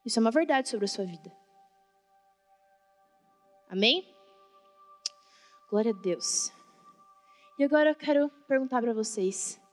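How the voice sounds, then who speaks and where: A woman's voice: fairly high pitch, expressive, measured pace, long pauses. A Brazilian woman preaching with fervent, colloquial energy, constantly questioning her congregation. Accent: Brazilian Portuguese. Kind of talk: sermon. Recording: reverberant hall, faint background music. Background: faint music.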